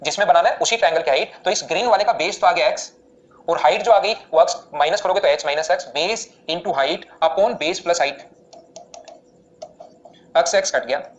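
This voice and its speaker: A man teaching maths in a live online class, explaining steps rapidly and repeatedly asking students questions. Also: high voice, lo-fi sound, a little hiss or hum.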